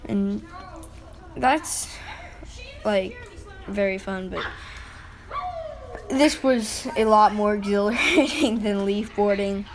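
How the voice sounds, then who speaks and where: Female-sounding voice, casual vlog narration, informal, rambling, mild swearing, medium pitch. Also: takes it slowly, pauses often, noisy background. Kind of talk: casual voice-over commentary on exploration footage.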